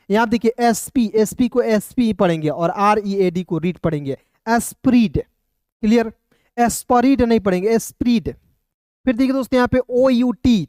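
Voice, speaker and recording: Male English tutor, patient and repetitive, spells words out and quizzes himself; light voice, soft tone. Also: high-pitched, no echo, studio quality. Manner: spells words out letter by letter, then asks and answers his own question; patient, repetitive, often says "clear" and "friends". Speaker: English teacher. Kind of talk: step-by-step spelling and pronunciation lesson.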